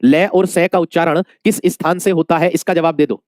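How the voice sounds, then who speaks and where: A man's voice: on the high side, fairly even intonation, normal speed, darkish tone, no echo, studio quality. A male Hindi teacher giving an exam-prep lesson, calling his students dear friends, asking questions and repeating the answers many times.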